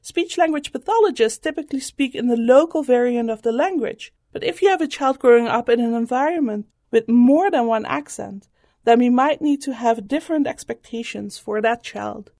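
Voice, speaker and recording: A woman psychology professor reading a scripted radio segment about her research in a measured, explanatory way. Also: on the high side, dark tone, dry recording, studio quality.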